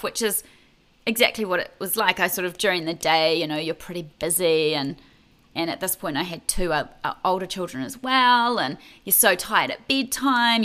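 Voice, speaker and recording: A woman's voice: medium pitch, sharp tone. A woman co-hosting a podcast, giving baby sleep tips in a chatty, casual way with many restarts. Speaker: podcast co-host. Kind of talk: casual advice chat.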